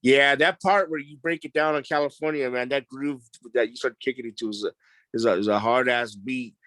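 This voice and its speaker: A man's voice: medium pitch, a little fast, fairly bright tone, dry recording. A man hosting an interview, chatting enthusiastically in slang and agreeing often. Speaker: interview host. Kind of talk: casual interview.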